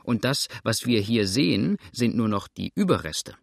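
A man's voice: on the low side, very animated, moderate pace, creaky, no echo, clean studio sound, exaggerated voice. A man reading a skeptical, questioning companion. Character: doubtful, puzzled male companion. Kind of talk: audiobook character reading.

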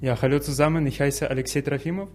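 A young man from Ukraine speaks in a slightly high voice. He talks earnestly, pausing and restarting, and makes small slips in his grammar as he answers interview questions. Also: steady tone, a little mellow. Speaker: interview guest, law student. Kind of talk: personal interview talk.

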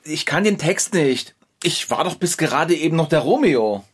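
A man's voice: fairly high pitch, lively intonation, moderate pace, breathy edge. A man playing a timid young amateur actor who hesitates and keeps apologising. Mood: apologetic.

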